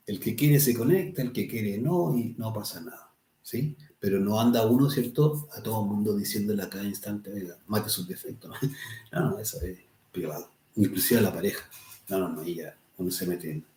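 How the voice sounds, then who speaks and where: A man's voice: fairly low pitch, mellow. Guy giving a spiritual class, chatty, keeps asking "¿cierto?", kinda echoey room. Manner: conversational, tags "¿cierto?" often, quotes people in little voices. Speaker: course teacher. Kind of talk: spiritual lesson answering a student.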